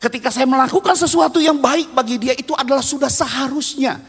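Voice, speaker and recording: A man in his fifties preaching a sermon as a pastor, telling stories with animated swings between loud and hushed. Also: very high voice, quick pace, creaky, husky. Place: church. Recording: long reverb of a church hall.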